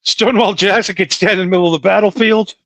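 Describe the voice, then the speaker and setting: Middle-aged male co-host, bright and forceful tone, dry close sound, animated self-mocking storyteller. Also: high-pitched, fast talker, no room sound. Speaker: podcast co-host. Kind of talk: casual stoner chat. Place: small studio.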